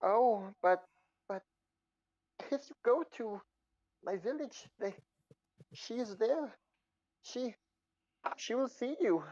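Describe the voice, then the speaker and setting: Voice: mid-range voice, expressive, takes it slowly, long pauses, a little mellow, no room sound. A player voicing a devout, fearful villager woman who stammers and hesitates, on a dull stream recording.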